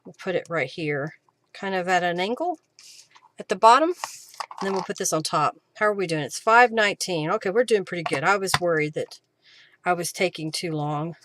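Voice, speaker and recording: A woman with a fairly low, slightly bright voice speaks at normal speed and expressively, with a little hiss or hum in the audio. She is hosting a craft livestream, casually narrating each step and thinking aloud to herself and viewers.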